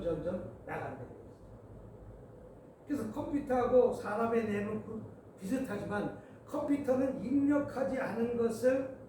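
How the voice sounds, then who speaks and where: A man's voice: high-pitched, mellow. A man preaching as a pastor, playful and chatty, coaxing his congregation along. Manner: playful, coaxes the congregation to repeat after him. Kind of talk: sermon at a prayer meeting. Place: church sanctuary. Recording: echoey church hall, distant mic, background noise.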